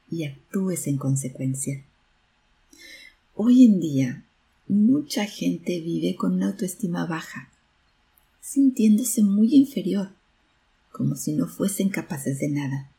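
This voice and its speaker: A woman's voice: fairly low pitch, expressive, takes it slowly, gravelly, pauses often, mellow, slightly rough. A woman hosting a self-help podcast, talking in an earnest, encouraging way. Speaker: podcast host. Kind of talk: motivational self-help talk.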